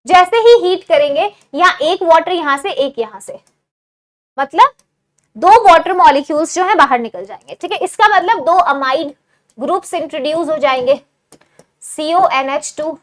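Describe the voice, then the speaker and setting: A woman giving an online exam-prep chemistry lecture. She mixes Hindi with English phrases and keeps checking with her students, asking if everything is clear. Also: sits high, expressive, moderate pace. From India. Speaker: chemistry teacher.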